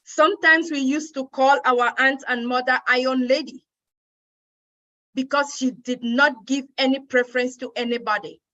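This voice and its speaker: A woman's voice: sits high, fairly even intonation, moderate pace, sharp tone, muffled recording. A woman from Cameroon giving an earnest, grateful personal speech at a women's day event.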